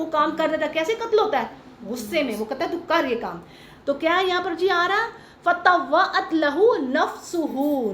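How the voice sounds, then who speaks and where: A woman with a high voice teaches a Quran commentary class, reciting Arabic verses and explaining them with English terms mixed in. She stops to ask her students questions and waits for their answers. The room is echoey, with a faint hiss behind her.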